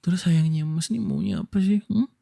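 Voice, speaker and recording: A man from Indonesia doing a whispered boyfriend role-play, soft and coaxing as he soothes his partner. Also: a little high, huge pitch swings, normal speed, gravelly. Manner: soft, coaxing, affectionate toward listener.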